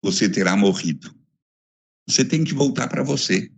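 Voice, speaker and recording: A man with a Brazilian Portuguese accent giving an academic lecture over a video call by phone, emphatic and expressive, building ideas through repeated lists. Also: fairly low pitch, normal speed, gravelly, breathy edge.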